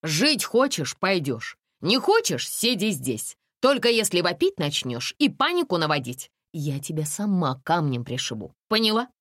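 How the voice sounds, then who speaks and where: A woman's voice: low voice, animated, unhurried, no echo. A woman voicing a stern, no-nonsense middle-aged mother who talks in a dry, commanding way.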